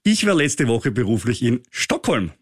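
A man's voice: mid-range voice, big pitch swings, moderate pace, breathy edge, no echo, clean studio sound. A middle-aged man with an Austrian accent, co-hosting a finance podcast in casual, joking, ranting chat. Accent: Austrian German.

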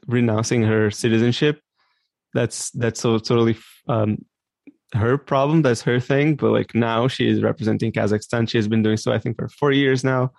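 A man from Brazil, co-hosting a casual tennis chat, relaxed and full of fillers. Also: medium pitch, moderate pace, vocal fry, no room sound. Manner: relaxed, hesitant with many fillers. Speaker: podcast co-host.

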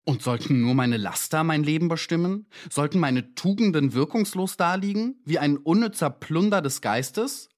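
A man's voice: a little high, lively intonation, moderate pace, few pauses, pitched above the performer's own voice, lightly acted. A man voicing a tormented male murderer in his thirties who pleads and justifies himself passionately in an audiobook. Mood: impassioned. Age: 30s. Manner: impassioned, pleading, self-justifying.

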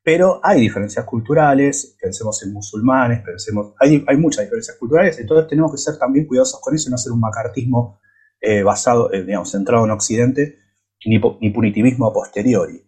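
A man's voice: mid-range voice, brisk, darkish tone, slightly rough. A man from Buenos Aires with an Argentine accent, debating in a reflective, hesitant way with frequent restarts. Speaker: podcast panelist. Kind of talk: casual debate.

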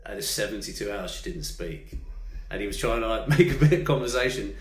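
A man's voice: on the low side, brisk, roomy sound. A man, a podcast co-host, telling an anecdote in casual chat and acting out the voices of the people in it. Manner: animated storyteller, mimics voices in quotes.

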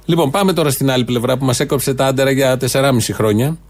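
A man co-hosting a satirical political chat, talking in a dry, ironic, drawn-out way. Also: mid-range voice. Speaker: podcast co-host.

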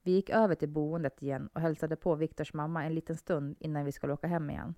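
Brief: woman narrator with a low, creaky voice, dry close sound, steady horror reading. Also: no echo. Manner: calm, measured reading. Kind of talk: first-person horror story narration.

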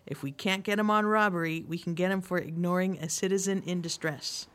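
A woman playing a bossy police officer in a sitcom radio play, giving brisk orders. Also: fairly low pitch, fairly even intonation, fairly bright tone, close to an everyday voice. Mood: commanding.

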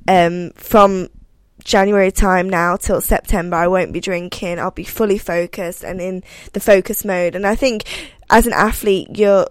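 A woman's voice: on the low side, fairly even intonation, normal speed, dry recording. A woman with a Birmingham accent, a guest on a casual podcast chat, bubbly and giggly. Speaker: guest athlete.

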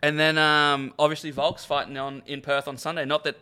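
An Australian man co-hosting a sports podcast in loud, matey lad banter, blokey, sweary and rambling. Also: fairly high pitch, flat delivery, fairly quick, clean tone.

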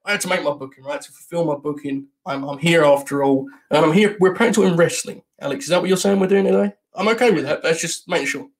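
A man's voice: sits high, racing, creaky, hardly any pauses. A British man, a podcast guest, chatting casually in a rambling, self-deprecating way. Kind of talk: casual chat.

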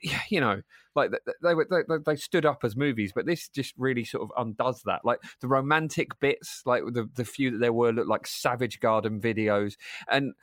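A man of middle pitch rants in a casual podcast chat, stumbling and restarting as he goes. The sound is dry and close to the mic. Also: moderate pace, a bit bright, dry recording. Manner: ranting, frequent restarts. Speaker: podcast co-host.

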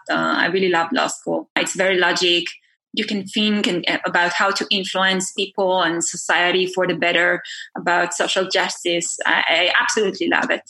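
A woman's voice: lowish voice, bright, forceful tone. A woman, a startup founder answering interview questions in an earnest way, often restarting her sentences. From Israel. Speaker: startup founder and CEO, podcast guest.

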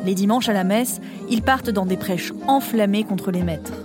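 A woman's voice: medium pitch, moderate pace, music in the background. A woman narrating a scripted history documentary with conversational touches.

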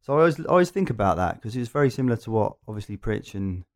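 Low-pitched Essex man, chatty storyteller. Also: sing-song, very fast. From Essex, England. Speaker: podcast guest. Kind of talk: casual anecdotal chat.

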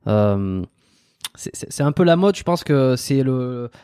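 A man's voice: medium pitch, lively intonation, unhurried, dark tone, smooth, dry recording, clean studio sound. A man interviewing a guest, asking long questions while hesitating and searching for words. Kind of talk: casual interview.

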